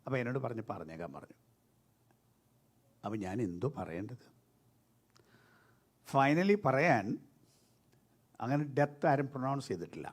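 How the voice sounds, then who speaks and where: A middle-aged man, a pastor with a Malayali accent, preaching a sermon that swings between loud and soft and drops in English words. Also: medium pitch, moderate pace, long pauses. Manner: lively preaching, rising and dropping sharply between loud and soft; mixes English words into his speech.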